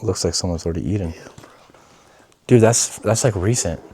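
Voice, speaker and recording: A man's voice: deep voice, normal speed, a little mellow. A man hosting an exploration vlog, chatting casually to viewers with slangy, sweary speech as he walks through underground passages. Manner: profane, slangy. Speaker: host of an urban exploration vlog. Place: underground corridors and tunnels of abandoned building. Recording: noisy handheld recording in underground tunnels.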